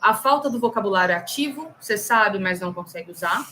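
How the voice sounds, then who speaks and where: A Brazilian woman with a Brazilian Portuguese accent, teaching English in a casual, animated live lesson and talking straight to her viewers. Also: medium pitch, a little fast, a little hiss or hum.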